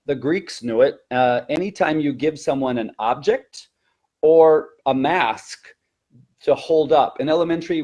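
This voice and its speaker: A man with a mid-range voice teaches in a conversational webinar style, animatedly explaining and demonstrating as a presenter and teacher trainer.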